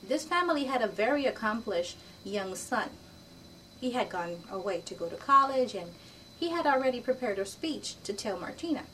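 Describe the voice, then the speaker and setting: High-voiced woman telling a children's story. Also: moderate pace. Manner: lively, voicing characters with animal sounds. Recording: distant mic with faint background noise.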